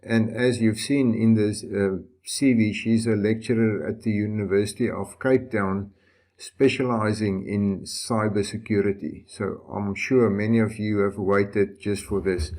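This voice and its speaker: Lowish-voiced man hosting a meeting. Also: fairly even intonation, unhurried, a little mellow. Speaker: meeting host. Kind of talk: informal introduction of a speaker at an online meeting. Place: video call.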